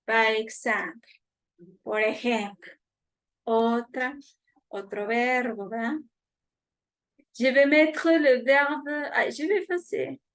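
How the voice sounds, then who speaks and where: Young woman teacher, fairly high voice, unhurried and patient, keeps checking in with the class. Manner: patient, repeats each point with check-ins. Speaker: French teacher. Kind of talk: online class lesson.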